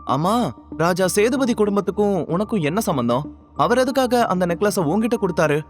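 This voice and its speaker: Male narrator doing a young wife in an audio drama, hurt and defiant, pleading, slightly higher voice. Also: expressive, fairly quick, soft background music. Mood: earnest. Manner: pleading, indignant.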